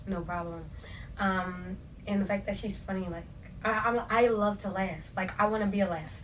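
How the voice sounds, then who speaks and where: A young adult woman hosts a casual podcast chat, talking in slangy, laughing bursts with a strained, worn voice. Her pitch is medium, her intonation fairly even, and her speed normal, captured by a distant mic with faint noise.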